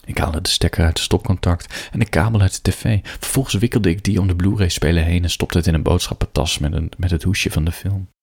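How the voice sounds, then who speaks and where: A man's voice: low voice, brisk, creaky, few pauses, darkish tone, breathy edge, no echo. A man reading his own first-person story aloud in a dry, wry way.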